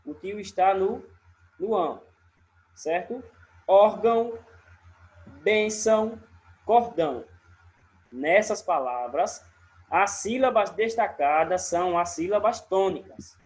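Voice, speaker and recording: A man with a Sergipe Brazilian accent teaching a recorded remote lesson, explaining step by step and often checking in with a quick question. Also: high voice, animated, a little mellow.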